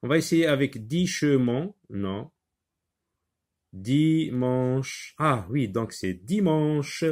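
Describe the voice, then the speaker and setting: A man's voice: medium pitch, animated, slow pace, few pauses. A man teaching a reading and handwriting lesson, patiently talking the class through each step.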